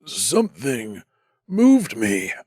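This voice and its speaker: A man doing a raspy, wry young man running on empty. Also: mid-range voice, wildly swooping pitch, extremely slow, a little mellow, no echo, voice pushed up, heavily acted. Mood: wry faint. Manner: dry joking while faint.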